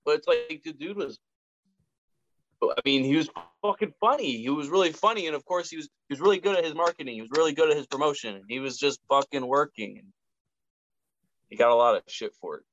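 A man in a casual chat over a video call, swearing freely and stressing his points slowly. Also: fairly high pitch, fairly bright tone, no echo, muffled recording.

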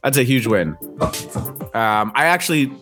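A man's voice: medium pitch, lively intonation, a little slow, a bit bright, faint music behind. A man in his thirties hosting a casual live morning show, chatty, laughing easily and greeting listeners by name. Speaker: host.

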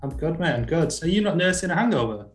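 A man's voice: fairly high pitch, sing-song, fast talker, faint music behind. A man hosting a football podcast in a casual, chatty style. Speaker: podcast host.

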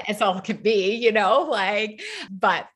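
Female podcast co-host, bright tone, casual chatty delivery. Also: medium pitch, fairly even intonation, slow pace, slightly rough. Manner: chatty, lots of filler "like".

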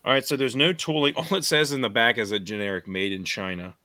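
A young man hosting a casual chat, animated and laughing as he thinks aloud. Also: mid-range voice, fast, no room sound. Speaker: podcast host reviewing discs.

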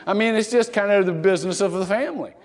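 A pastor speaks fast in a high voice, the sound carrying the echo of a large room. He keeps his sermon light with down-home, joking tales, briefly voicing the folks who appear in them.

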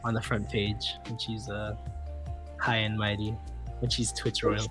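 A man's voice: lowish voice, level tone, unhurried, over loud music. A young man hosting a casual podcast with friends, laid-back and joking. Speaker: podcast host. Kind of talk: casual chat among friends.

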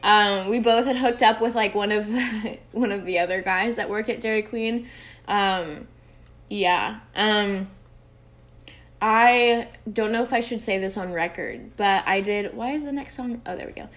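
A young woman from Oregon hosting a podcast, telling a story in a rambling, scattered, profane way while high. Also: unhurried, fairly bright tone. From Oregon, USA. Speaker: podcast host. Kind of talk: casual storytelling monologue.

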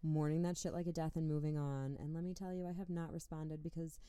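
Low-voiced, mellow woman chatting candidly. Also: flat delivery, fast, smooth, dry recording, clean studio sound. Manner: candid, swears freely, laughs often. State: tipsy, hiccuping from wine. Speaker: podcast co-host. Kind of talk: casual chat.

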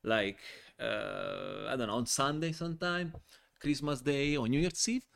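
A man in his forties from Italy with an Italian accent, a guest telling animated, joking stories in a casual podcast interview. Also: medium pitch, unhurried, gravelly. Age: 40s. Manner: animated, joking storyteller in non-native English. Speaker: guest, wine importer.

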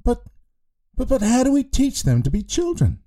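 A man voicing a nervous young boy in space who stammers and sounds bewildered, pitched higher than his own voice. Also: wildly swooping pitch, normal speed, warm tone, exaggerated voice.

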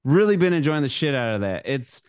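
A man's voice: mid-range voice, big pitch swings, brisk, a little mellow, clean tone, no room sound. A man co-hosts a casual basketball podcast, his mid-range voice rambling through restarts and easy laughs. The sound is dry and close, with no room around it. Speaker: podcast co-host. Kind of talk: casual sports chat.

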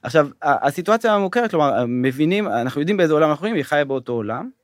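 Sex: man. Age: middle-aged. Role: interview guest. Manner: hesitant, frequent fillers. Pitch: a bit high. Sound: dry studio mic. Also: lively intonation, dry recording. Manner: hesitant, many fillers and restarts. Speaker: guest, government finance official. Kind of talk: casual storytelling interview. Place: podcast studio.

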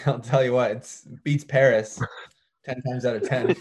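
Mid-pitched guy on a sports podcast, wry jokes, laughs a lot. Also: steady tone, unhurried, a little mellow, breathy edge. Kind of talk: casual sports chat.

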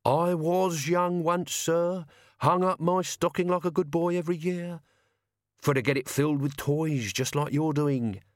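A man's voice: on the high side, measured pace, no room sound, studio quality, pitched above the performer's own voice, lightly acted. A man voicing a crabby, coarse old male servant with blunt, slangy talk. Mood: reminiscing.

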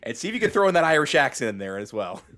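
A man co-hosting a podcast in casual, joking chat, excitable and rambling with lots of fillers. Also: medium pitch, very fast. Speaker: podcast co-host.

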